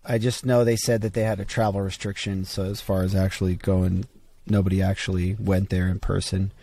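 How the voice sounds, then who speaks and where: A man's voice: deep voice, little pitch movement, fairly quick, mellow. A man in a casual tech discussion, starting sentences over with stammered restarts and fillers.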